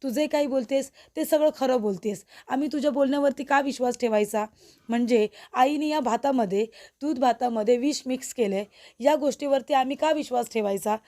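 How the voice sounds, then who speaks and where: A woman's voice: high-pitched, brisk, warm tone, natural voice. A woman voicing a sarcastic young man who challenges the wife to show proof.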